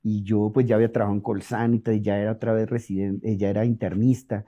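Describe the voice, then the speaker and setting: Colombian man telling animated anecdotes. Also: on the low side, fast talker. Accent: Colombian Spanish. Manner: animated anecdotes, acts out quoted dialogue. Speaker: interviewed physician. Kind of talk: relaxed storytelling interview. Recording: dull lo-fi audio.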